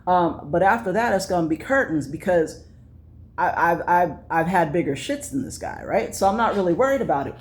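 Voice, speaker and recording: A man's voice: sits high, lively intonation, a little fast, slight background noise. A man telling a personal story in a casual monologue, blunt and profane, repeating phrases for emphasis. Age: adult. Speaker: vlogger.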